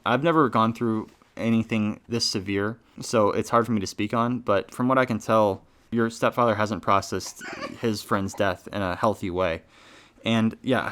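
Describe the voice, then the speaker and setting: A man's voice: fairly low pitch, fairly bright tone. A man co-hosting a podcast, reading a listener email aloud and then answering it in a laid-back way, full of "dude" and "like". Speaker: podcast co-host.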